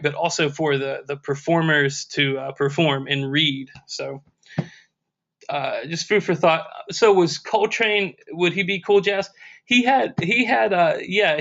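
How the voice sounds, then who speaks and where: A man giving a music history lecture, halting with many fillers and restarts, and scatting rhythms to show them. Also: on the high side, fairly bright tone. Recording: dull lo-fi lecture recording.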